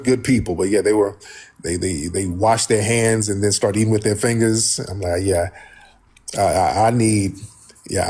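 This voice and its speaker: A man's voice: lowish voice, darkish tone, breathy edge. An American man hosting a casual live talk, speaking in a blunt, colloquial way. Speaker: host.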